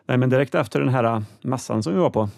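Podcast co-host, man with a gravelly, creaky voice who banters in a laid-back, teasing way, dry sound. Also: mid-range voice, no room sound. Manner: relaxed, teasing, drawn-out fillers. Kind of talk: casual chat.

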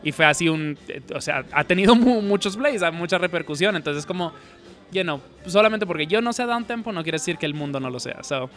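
A man's voice: a little high, lively intonation, fairly quick, fairly bright tone. A man hosting an interview, chatty, slipping English phrases into his Spanish. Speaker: podcast host. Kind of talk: casual interview chat.

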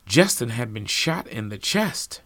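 A man's voice: mid-range voice, sing-song, a little slow, bright, forceful tone, dry recording, full character voice. A man reading as a stammering nervous witness. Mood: flustered. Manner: hesitant, stammering. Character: nervous adult male friend, flustered witness.

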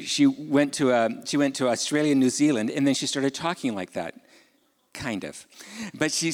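A man preaching a sermon in a conversational way, asking his listeners questions and adding casual asides. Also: fairly high pitch. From Ukraine. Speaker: pastor. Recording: long hall reverb.

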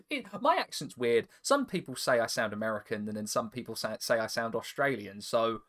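With big swings in his medium-pitched, slightly bright voice, this man speaks at a moderate pace while hosting a podcast. He has an English estuary accent and keeps the chat loose, laughing a lot and frequently stumbling into restarts.

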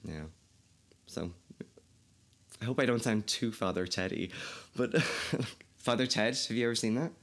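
A podcast host from Ireland with a Kildare accent speaks a little slowly in a medium-pitched, fairly bright voice, pausing often. The conversation is casual and chatty, and he laughs a lot and swears freely.

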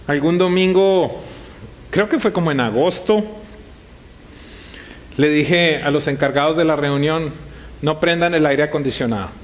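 A man's voice: on the high side, a little slow, pauses often, slight background noise. A male pastor preaching a sermon to his congregation, talking in a conversational way and throwing rhetorical questions at the room.

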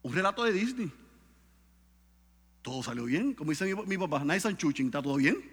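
A man preaching a sermon with great drama, dropping low and quiet and then rising to loud, high cries. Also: sing-song, normal speed, slightly rough, in a large hall. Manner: swings from hushed to shouting, dramatic.

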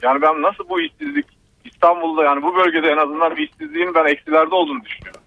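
A man phoning into a radio program over a landline, with the narrow, tinny sound of the call and a dry line. He talks quickly in a raised voice and insists on his point. He comes across as emphatic throughout. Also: a little high, expressive, no room sound. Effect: landline telephone line. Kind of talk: call-in opinion.

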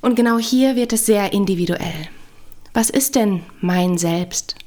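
Calm, reflective female podcast host. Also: mid-range voice, a little slow. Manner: calm, reflective, gently humorous. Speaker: couples therapist and podcast host. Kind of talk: scripted podcast narration.

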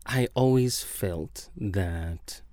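A middle-aged man, a singer-songwriter guest talking softly and romantically in a relaxed studio chat. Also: fairly low pitch, drawn-out words, no echo. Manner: soft-spoken, romantic, laughs often.

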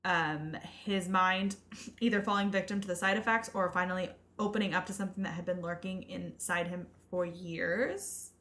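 A young woman co-hosting a true crime podcast, telling the case in a relaxed, casual way with some swearing. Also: on the low side, moderate pace. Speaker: podcast co-host.

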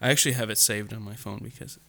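A man's voice: lowish voice, steady tone, fast, creaky, pushed and bright. A young man co-hosting a casual podcast, telling stories in a chatty way full of "like". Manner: chatty storyteller, heavy use of "like". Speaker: podcast co-host. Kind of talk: casual chat.

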